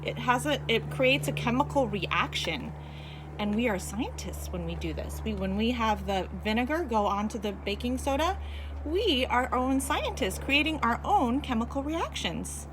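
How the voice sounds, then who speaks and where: A woman's voice: fairly high pitch, animated, normal speed, noisy background. A woman talking like a kids show host, in a child-directed, sing-song teacher's manner, guiding young viewers through a hands-on demonstration. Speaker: children's teacher presenting a home activity. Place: inside a home.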